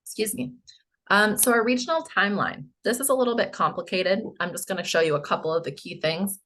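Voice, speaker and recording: An American woman with a hoarse, croaky voice, giving a public presentation to a board. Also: medium pitch, brisk, a bit bright, a little hiss or hum. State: hoarse, coughing. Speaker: presenter, housing finance agency staff.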